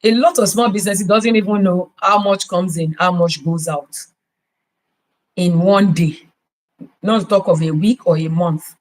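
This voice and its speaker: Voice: medium pitch, fairly even intonation, unhurried, poor audio. A podcast host with a Nigerian accent giving business advice, emphatic and full of rhetorical questions. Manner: emphatic, repeats key words.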